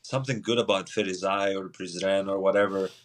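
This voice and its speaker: A man from Lushnjë, Albania, chats casually as a guest on a podcast, easygoing and laughing now and then. His low-pitched voice keeps a steady tone and moves a little fast.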